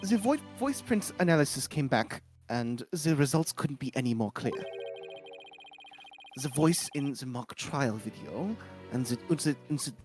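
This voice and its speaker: A man's voice: medium pitch, animated, measured pace, a little mellow, soft background music, pitched below the performer's own voice, close to an everyday voice. A man voicing a smug male prosecutor with a put-on German accent, reading game lines aloud with friends.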